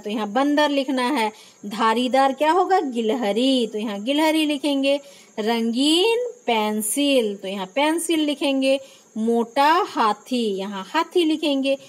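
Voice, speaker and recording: Woman, primary teacher, high-pitched and unhurried; patient explainer for young kids. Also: low-quality recording. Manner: patient, explaining, asks questions then answers them; frequent "isn't it" check-ins. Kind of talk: textbook lesson for young children.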